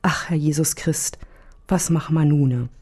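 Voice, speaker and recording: A woman's voice: sits low, unhurried, mellow, slightly rough. Woman voicing fussy old nun-nurse. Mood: flustered. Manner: fussy, sighing, praying aloud. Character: kindly pious old nun-nurse, childlike cheer.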